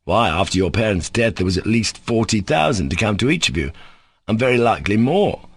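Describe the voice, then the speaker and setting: A sickly male servant, resentful and insolently defiant, as a male audiobook reader puts him on. He speaks coolly, with a sarcastic edge, in a husky voice that sits a little low. The reading is dry and close. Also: sing-song, fairly quick, dry recording, exaggerated voice.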